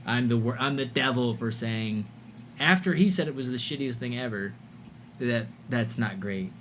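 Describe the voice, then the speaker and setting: A man's voice: mid-range voice, moderate pace, a bit bright, a little hiss or hum. A man livestreaming, ranting casually and with exasperation to his chat, swearing often. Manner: profane, exasperated, mocking quoted voices. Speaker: livestream host.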